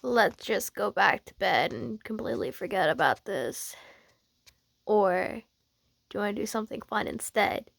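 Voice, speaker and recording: Woman voicing Kenma, hushed sleepy teasing boyfriend. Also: mid-range voice, animated, no room sound, heavily acted. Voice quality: hushed, breathy, often half-whispered. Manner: slow, intimate, teasing murmur.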